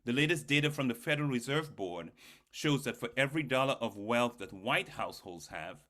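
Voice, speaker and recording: Brisk and sharp, this man's mid-range voice carries lively intonation through his keynote lecture. An academic, he stresses his points about the data, addresses listeners head-on, and puts rhetorical questions to them that he goes on to answer.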